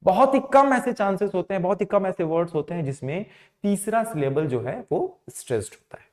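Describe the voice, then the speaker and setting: A man teaching an English lesson, explaining slowly, repeating words for emphasis and answering his own questions. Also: high-pitched, expressive, darkish tone. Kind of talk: classroom lesson.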